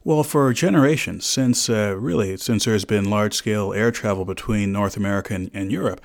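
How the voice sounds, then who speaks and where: Guesting as an expert on a radio interview, a man speaks in a fairly low, gravelly voice. His explanations are measured and precise, with formal, carefully built phrasing.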